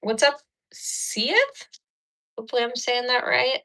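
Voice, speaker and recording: Doing her makeup at a mirror indoors, a Ukrainian livestream host laughs and chats with viewers while her phone records. Her voice sits on the high side, with big pitch swings and an unhurried, pushed, bright delivery.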